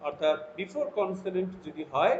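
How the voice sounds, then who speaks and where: High-voiced male teacher, echoey lo-fi recording. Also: animated. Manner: slow, deliberate English example sentences between explanations. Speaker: English grammar teacher. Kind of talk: recorded classroom lesson. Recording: lo-fi echoey room with faint noise.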